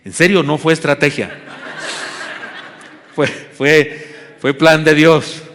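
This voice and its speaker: A man's voice: on the high side, fairly even intonation, takes it slowly, fairly bright tone. Pastor guy joking his way thru a sermon, big church echo. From Chihuahua, Mexico. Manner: folksy storytelling with self-mocking humor. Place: church sanctuary. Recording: long hall reverb in church.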